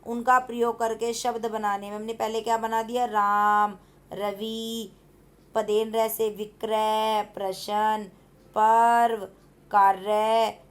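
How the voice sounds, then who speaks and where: A woman teacher patiently explaining a school grammar exercise, repeating points and asking her pupils questions. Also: mid-range voice.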